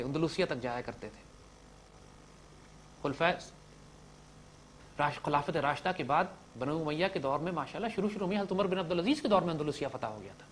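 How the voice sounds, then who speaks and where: A man giving an impassioned lecture to young listeners, swinging from loud emphatic peaks to low drops and mixing in English words. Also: slight background noise. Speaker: speaker addressing young listeners.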